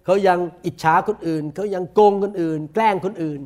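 A man with a Thai accent preaching a sermon, saying each point in slow, deliberate English and then repeating it quickly in Thai. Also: sits high, a little mellow. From Thailand. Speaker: pastor. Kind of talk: bilingual sermon, self-translating.

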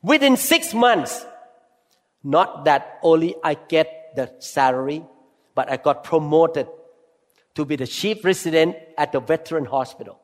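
A man's voice: fairly high pitch, expressive, drawn-out words. An older man with a Thai accent giving a sermon testimony in a church hall, speaking in short, emphatic phrases.

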